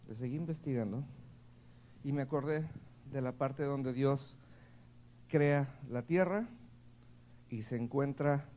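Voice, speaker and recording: Playful Mexican preacher with a mellow voice. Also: male voice, mid-range voice, takes it slowly, long pauses, a little hiss or hum. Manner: conversational, keeps checking in with the congregation; playful, laughs between points. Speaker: pastor. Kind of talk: sermon. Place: church service.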